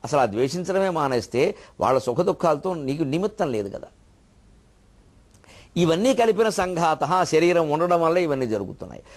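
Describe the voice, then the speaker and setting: A man's voice: a little high, big pitch swings, a little mellow. A man giving a devotional discourse as a spiritual lecturer, explaining the meanings of words in a teacherly manner. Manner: teacherly, explains word meanings, chants verses slowly.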